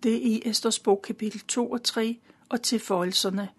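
A woman with a breathy, husky voice tells a Bible story in plain, simple words. She keeps a calm, steady storytelling pace and now and then adds a small filler. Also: on the high side.

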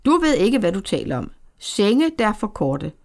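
A woman's voice: medium pitch, sing-song, vocal fry, darkish tone. Woman reading as a proud, angry old-time king. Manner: scornful, dismissive.

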